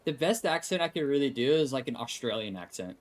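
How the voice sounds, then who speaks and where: A young man with a Texan drawl chats loosely through a live game stream, his voice rising and dropping a lot as he answers viewers. He rambles, restarts, and laughs easily, at an ordinary middle pitch. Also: expressive, brisk. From Texas. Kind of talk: casual live-stream chat.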